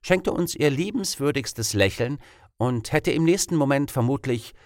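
An audiobook narrator, a man with a mid-range voice, reads a scripted story expressively at a moderate pace. The recording is dry and clean, with studio sound.

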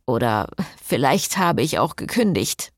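Woman reading a calm, teasing ex-priest man. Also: extremely low pitch, a little slow, dry recording, clean studio sound, heavily acted. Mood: earnest.

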